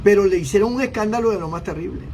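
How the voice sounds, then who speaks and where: A man's voice: sits high, rapid-fire, darkish tone, a little hiss or hum. A man preaching a sermon as a pastor, with impassioned delivery, acting out the voices of a crowd.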